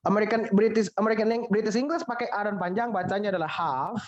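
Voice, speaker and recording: A woman teaching English pronunciation to a class, lively and teasing, drilling words over and over. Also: medium pitch, fast talker. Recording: dull lo-fi sound.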